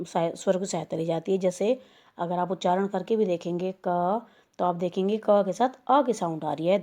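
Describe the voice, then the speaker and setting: A woman teacher talks a class of young children through a lesson. She goes at a patient, explanatory pace and stops to sound out each example clearly. Her voice sits at a middle pitch. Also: mellow. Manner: slow, explanatory, spelling out sounds. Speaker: school teacher.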